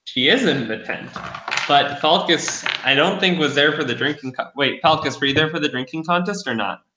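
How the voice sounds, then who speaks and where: A man's voice: fairly high pitch, moderate pace, bright, forceful tone, reverberant, low-quality recording. A man running a tabletop role-playing game as game master, narrating scenes and talking with his players.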